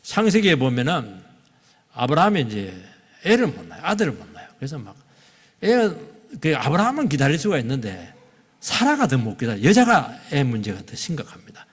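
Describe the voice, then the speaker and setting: A middle-aged man preaching a Sunday sermon as a pastor, animated and acting out quoted dialogue. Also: medium pitch, fairly quick, husky. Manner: animated, acts out quoted dialogue in shifting voices. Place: church sanctuary. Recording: long reverb of a church hall.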